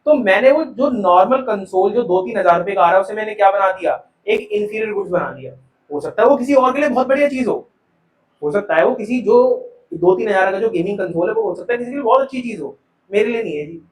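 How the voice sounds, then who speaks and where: A male teacher lectures a live commerce class in a high, bright-pitched voice, peppering students with questions and calling them "beta". He is caught from a distance by the camera, so his voice rings with the echo of the classroom. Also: expressive, quick pace. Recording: echoey classroom from far off.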